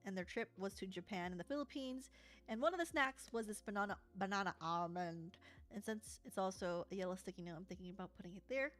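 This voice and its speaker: A woman's voice: mid-range voice, fast, a bit bright. A young woman chatting casually and playfully while she crafts in her journal, joking and giggling as she talks to viewers. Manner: playful, giggly, sings snatches of songs.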